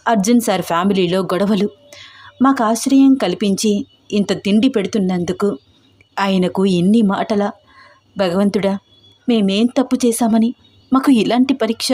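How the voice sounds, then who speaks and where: A woman's voice: mid-range voice, a little mellow, close to an everyday voice. Woman voicing a despairing young woman. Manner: despairing, self-pitying. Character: grieving helpless young woman.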